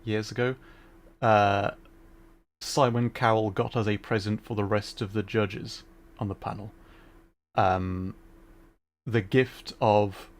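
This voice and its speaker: A man's voice: fairly low pitch, steady tone, slow, pauses often. A man with an English accent between Derbyshire and received pronunciation, rambling through casual gaming commentary with frequent fillers and laughs. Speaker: streamer.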